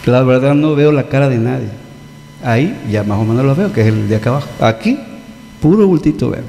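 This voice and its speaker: A man's voice: mid-range voice, animated, a little fast, vocal fry, warm tone, a little hiss or hum. A man with a Mexican accent preaching a conversational sermon, acting out the voices of people he quotes. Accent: Mexican Spanish. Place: church hall. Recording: long church reverb.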